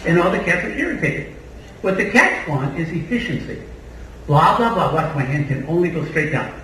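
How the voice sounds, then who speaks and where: Aussie guy running a body language seminar, kinda high voice, really echoey hall, mic far away and noisy. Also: fairly quick. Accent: Australian. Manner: energetic, drills the audience with countdowns. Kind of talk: live seminar demonstration.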